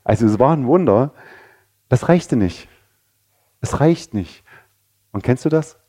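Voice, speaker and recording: A male pastor preaches in a conversational way, often asking his listeners questions. His voice is dark and mellow and sits at a middle pitch. He swings between raised, pressing lines and quiet, low ones. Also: lively intonation, measured pace. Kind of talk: sermon.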